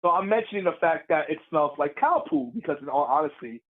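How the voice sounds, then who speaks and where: A man, a professional wrestler, telling stories in a casual interview, lively and laughing as he acts out the crowd's voices. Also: fairly high pitch, fast talker, breathy edge, narrow, tinny audio. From Puerto Rican heritage.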